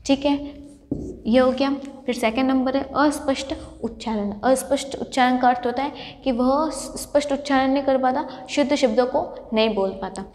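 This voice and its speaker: A woman lecturer gives a college lesson in a high voice. She works through each point by asking a question and then answering it herself. The recording carries the long echo of a large hall. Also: normal speed, a little mellow. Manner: explains by asking and answering her own questions. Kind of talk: classroom lecture.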